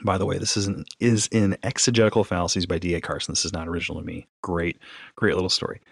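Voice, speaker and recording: This man hosts a podcast in a deep, gravelly voice, speaking fast over clean studio sound with no room sound. Teaching in a conversational way, he tells anecdotes with animation, acts out dialogue and throws out rhetorical questions.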